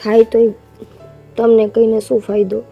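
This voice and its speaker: A woman's voice: a little high, monotone, normal speed, gravelly, dull audio, faint music behind. A woman playing a tearful young wife. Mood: hurt, subdued. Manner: soft, tearful complaining. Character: hurt young wife, insulted by sister-in-law. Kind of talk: family drama acting.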